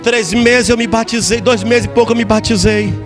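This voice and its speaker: Brief: Brazilian man, very high voice, fervent church testimony, soft music under him. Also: steady tone, normal speed. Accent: Brazilian Portuguese. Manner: fervent, preacherly, stretches words and shouts at peaks. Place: church service.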